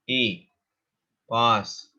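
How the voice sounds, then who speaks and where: A male chemistry teacher lectures a class in a mix of Hindi and English. He dictates each formula very slowly, then rushes through the explanation. His voice is bright and sharp, heard through a muffled, lo-fi recording. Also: mid-range voice.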